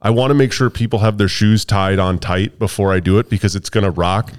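A man's voice: lowish voice, fairly even intonation, fairly quick, clean tone. A man hosting a casual podcast in a studio, joking around and laughing often. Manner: playful and jokey, laughs often. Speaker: podcast host.

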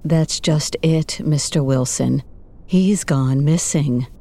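An actress playing a coy, sultry married client in a parody noir audio drama, speaking softly. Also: female voice, low-pitched, slow pace, exaggerated voice. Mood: plaintive. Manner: soft-voiced, coy.

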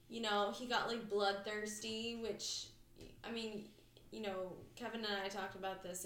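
A woman's voice: fairly high pitch, fairly bright tone, distant mic. A woman in casual podcast chat. She rambles and fills her talk with "you know" and "like", and swears freely. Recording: roomy echo, slightly off-mic, faint noise.

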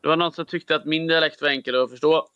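Bright-voiced teasing male co-host. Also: a little high, fairly even intonation, clean tone, no echo, lo-fi sound. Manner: teasing, joking. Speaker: podcast co-host. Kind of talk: casual chat.

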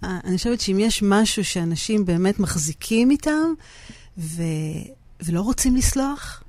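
A middle-aged woman, a guest on a podcast conversation, explaining ideas about forgiveness and decisions by acting out everyday examples in an animated way. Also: mid-range voice, no echo. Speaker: guest speaker on decision-making.

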